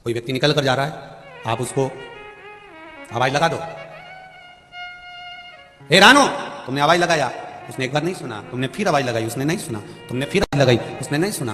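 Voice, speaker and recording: A man telling a devotional sermon in a folksy, animated way, acting out characters in quoted dialogue. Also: medium pitch. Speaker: religious storyteller. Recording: live hall reverb with music behind.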